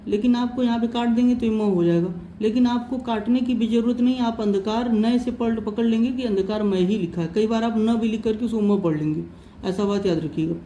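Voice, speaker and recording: Guy teaching shorthand real patient, super mellow dark voice, echoey room. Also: high voice, brisk. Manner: patient, repetitive, calls listeners "friends". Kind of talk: step-by-step tutorial explanation. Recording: roomy echo, faint background noise.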